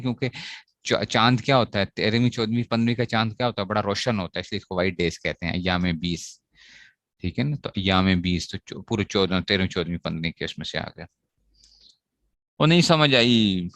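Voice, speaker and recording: A man's voice: on the low side, fairly bright tone, no room sound. A man teaching a grammar lesson to students, asking questions and answering them himself as he repeats the key points. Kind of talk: classroom lecture on Arabic grammar.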